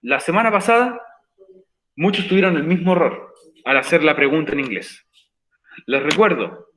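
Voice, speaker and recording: Emphatic male English teacher, higher voice. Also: fairly bright tone, rough recording. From Chile. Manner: patient, repeats points for emphasis. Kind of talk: recorded online class explanation.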